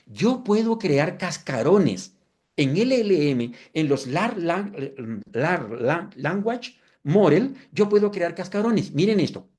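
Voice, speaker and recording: A man's voice: sits high, slow, husky. A man in his fifties presenting a live webinar demonstration, asking the audience questions and making self-deprecating asides. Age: 50s. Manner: lively, asks the audience rhetorical questions.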